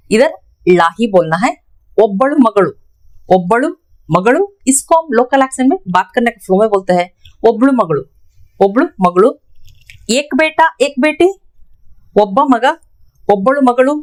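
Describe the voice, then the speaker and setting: A woman teaching a language lesson, slowly repeating each example phrase for her learners. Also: a little high.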